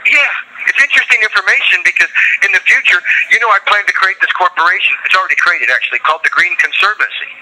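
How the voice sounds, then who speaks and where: A man's voice: high voice, quick pace, sharp tone, a little hiss or hum. A man calling in from prison over a phone line, rambling from one claim to the next in casual conversation. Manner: rambling, jumps between claims.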